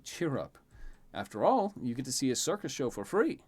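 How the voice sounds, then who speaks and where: A man playing a kindly, protective knife-thrower uncle in a tabletop role-play, gentle and reassuring. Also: medium pitch, sing-song, normal speed, husky, voice pushed up.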